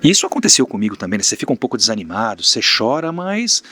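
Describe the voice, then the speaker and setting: A man's voice: medium pitch, very animated, fast talker, pushed and bright, breathy edge, no room sound. A man from Brazil, a podcast guest and mentor, telling candid stories of his businesses in casual interview talk. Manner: storytelling, plain-spoken, candid.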